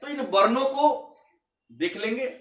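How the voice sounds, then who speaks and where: High, bright-voiced male teacher in echoey room. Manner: repeats definitions slowly, as if for dictation. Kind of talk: classroom grammar lesson. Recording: echoey room, mic at a distance.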